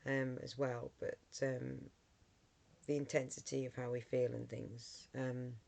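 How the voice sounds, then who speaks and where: A middle-aged vlogger with a hoarse voice from a cold, talking casually to camera with many ums and restarts. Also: mid-range voice, flat delivery, unhurried, a little mellow.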